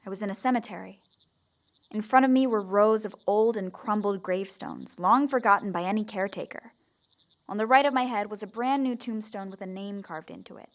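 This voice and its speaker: In a scripted first-person audio drama, a woman plays a bewildered teenage zombie girl who dramatically narrates her own story with wry humor. Her medium-pitched voice moves fairly quickly and is lightly acted.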